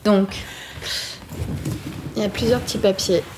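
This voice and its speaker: A woman's voice: medium pitch, fairly even intonation, unhurried, background noise. A woman from France leading a casual songwriting session in a studio, guiding the steps and reading lyrics aloud. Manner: guiding, self-deprecating, reads lyrics aloud. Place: recording studio.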